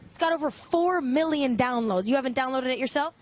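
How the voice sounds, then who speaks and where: A woman's voice: high-pitched, brisk. A woman reporter conducting a mock news interview in an earnest, straight-faced way.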